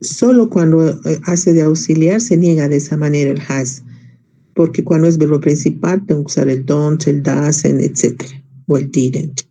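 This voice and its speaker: A man teaches an English grammar class in Spanish, speaking at normal speed in a dark-toned voice that sits a little high. He explains patiently step by step and quizzes his students.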